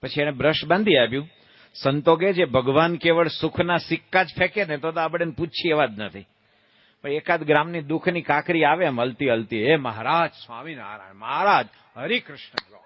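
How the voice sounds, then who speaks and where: Folksy swami telling stories. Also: male voice, on the high side, no echo, muffled recording. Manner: folksy, playful, asks the crowd questions and acts out voices. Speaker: swami giving a religious discourse. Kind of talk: storytelling sermon.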